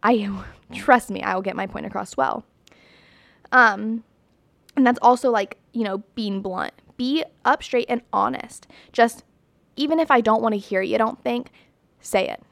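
A young woman talks straight to camera in a dry, close sound, her voice sitting a little high. She is chatty and blunt, stressing her points with many fillers and sounding sure of her own views. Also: measured pace, vocal fry, fairly bright tone, no echo. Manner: chatty and emphatic, many "like"s and "you know"s; blunt and opinionated. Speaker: vlogger. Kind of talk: casual talk to camera.

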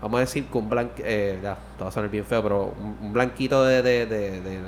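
A man's voice: lowish voice, fairly even intonation, brisk, a little hiss or hum. A man co-hosting a podcast, rambling in casual chat, swearing often and restarting mid-sentence. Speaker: podcast co-host.

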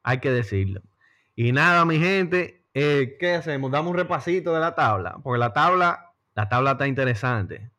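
A man's voice: mid-range voice, lively intonation, moderate pace, sharp tone. A man with a Dominican accent hosting a casual sports chat, slangy and repeating phrases for emphasis. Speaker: podcast host.

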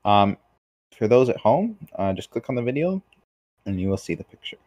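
Deep voiced guy hosting a chat, thoughtful, asks lots of questions, dry sound. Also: very animated, normal speed, a little mellow, dry recording. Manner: reflective, asks probing questions. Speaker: host. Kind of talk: casual discussion.

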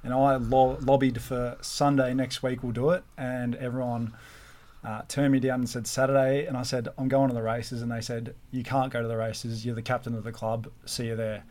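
A man's voice: mid-range voice, level tone, moderate pace, darkish tone. Host, young Australian man, casual cheeky banter, mid-range voice. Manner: cheeky, teasing, laid-back banter. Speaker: podcast host. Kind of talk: casual podcast chat.

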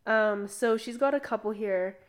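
A young woman chats casually as a podcast co-host, her mid-range voice moving quickly from one story to the next. She fills her sentences with "like" and tells tales animatedly. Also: mid-range voice. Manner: chatty, heavy use of "like", animated storytelling. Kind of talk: casual chat.

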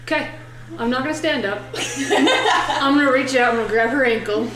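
A woman's voice: high-pitched, moderate pace. A woman playing a tabletop role-playing game, chatting casually and playfully at the table. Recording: echoey room with faint music.

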